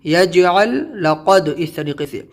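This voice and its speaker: A man teaching Quran reading with tajweed, spelling out letters and syllables and drilling them patiently. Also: high voice. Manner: slow drawn-out recitation of syllables.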